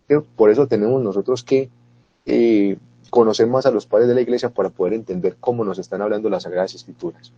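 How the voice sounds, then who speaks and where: A man with a low, mellow, husky voice teaches a Bible lesson. He speaks straight to his listeners and rises with feeling when he quotes scripture. The recording is dull and lo-fi. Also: brisk. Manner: earnest, animated when quoting scripture; talks to listeners directly with asides. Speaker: catechist.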